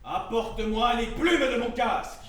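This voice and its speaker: High-pitched pompous stage general. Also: male voice, animated, measured pace, fairly bright tone, exaggerated voice. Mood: vain, indignant. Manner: pompous, declamatory. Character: vain, pompous, easily offended army general. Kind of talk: comic stage theatre acting. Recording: echoey hall from far off, faint noise.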